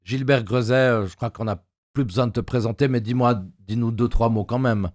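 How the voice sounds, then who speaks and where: Animateur hésitant, plein de « euh ». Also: male voice, mid-range voice, fairly even intonation, brisk, a little mellow. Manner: hesitant, many filler sounds. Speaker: host. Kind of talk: hosting a Bible study discussion.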